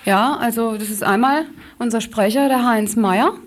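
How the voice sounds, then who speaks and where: A woman with a slightly high voice is interviewed on radio about her campaign activism. Her explanations come spontaneously and falteringly, with frequent self-corrections.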